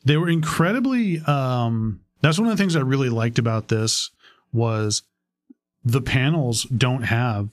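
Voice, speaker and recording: A man co-hosting a podcast, talking casually with animated asides and frequent restarts. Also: mid-range voice, measured pace, no echo. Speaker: podcast co-host. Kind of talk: casual chat.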